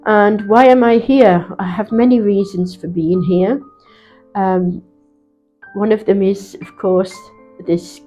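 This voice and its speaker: A woman recounts her reasons for settling abroad, speaking unhurriedly and pausing with soft fillers. Her voice is mellow and warm. Quiet music plays underneath. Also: medium pitch. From England. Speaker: interviewee. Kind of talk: casual personal account.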